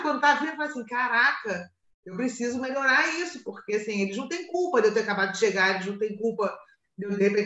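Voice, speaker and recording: Animated woman on a roomy video call. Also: mid-range voice, highs cut off. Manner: animated storytelling, quoting her sons. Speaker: teacher and mother. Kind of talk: casual chat in an online meeting.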